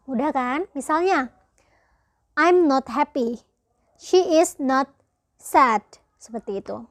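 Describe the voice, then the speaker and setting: A woman with an Indonesian accent teaching English in an online lesson, chatting casually and reading example sentences slowly. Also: high-pitched, dry recording. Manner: chatty, switches between casual explanation and slow drilled example sentences. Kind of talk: online lesson explaining grammar.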